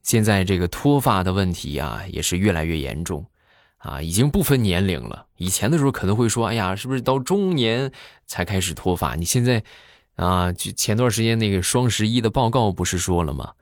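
A man delivers a stand-up comedy monologue in a low voice that swings lively up and down. He tells his stories with jokey asides and rhetorical questions. The sound is dry and close. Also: a little fast, no room sound.

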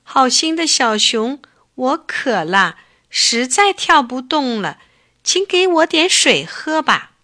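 Lady doing a high little bunny voice, pleading, slow. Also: sing-song, pushed and bright, no echo, studio quality, heavily acted.

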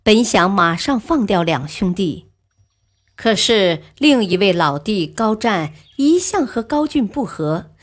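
A woman narrating a historical story expressively, often opening quoted speech with a soft "ah". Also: mid-range voice, big pitch swings, slow.

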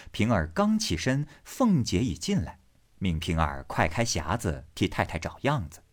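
A man narrating a classic novel in an expressive storytelling style. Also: fairly low pitch.

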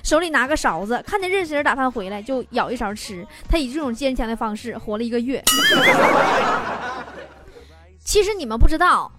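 A woman's voice: a little high, lively intonation, quick pace, few pauses. A young woman with a Northeastern Chinese accent hosting a comedic radio show, reading listener messages and teasing them playfully. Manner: playful, teasing, laughs at own jokes. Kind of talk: casual comedic radio chat. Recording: music bed behind voice.

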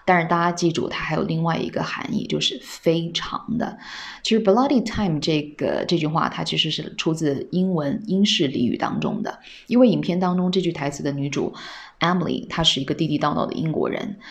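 A woman teaching English on a podcast, speaking patiently and asking her listeners rhetorical questions as she repeats phrases slowly. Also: low-pitched, creaky.

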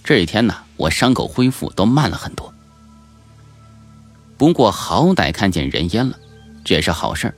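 A man narrating a novel in a colloquial, lively storytelling manner. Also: on the low side, moderate pace, pauses often, husky, soft background music. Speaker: audiobook narrator.

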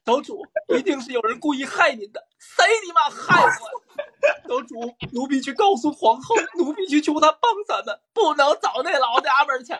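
A man doing a comic impression of a hoarse imperial concubine and her maid, with a raspy, crude delivery. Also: extremely high pitch, lively intonation, moderate pace, bright, forceful tone, heavily acted. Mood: hysterical. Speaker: audience caller. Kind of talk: comic impression of palace drama.

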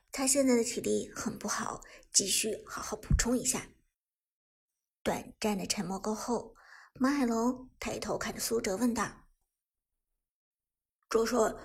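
A woman narrating a web novel in a steady storytelling voice. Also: a little high, breathy edge. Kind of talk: audiobook narration.

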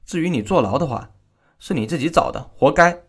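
A man's voice: a little high, animated, a little fast, a bit bright, slightly rough. A man voicing a defiant wronged wife. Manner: defiant, firm delivery. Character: wronged schoolteacher wife in her thirties, stubborn and defiant. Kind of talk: storytelling narration.

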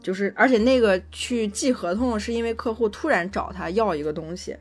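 A woman co-hosting a podcast, telling a personal story in casual chat, animated, swearing freely and correcting herself as she goes. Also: medium pitch, a little fast, slightly rough, soft background music. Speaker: podcast co-host.

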